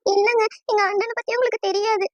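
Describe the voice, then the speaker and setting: A woman's voice: steady tone, fast talker, no room sound, muffled recording. A woman voicing a young bride-to-be in a cartoon, tearful and devoted, with emotional, pleading speech. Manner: pleading, emotional, high-pitched. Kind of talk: cartoon voice acting.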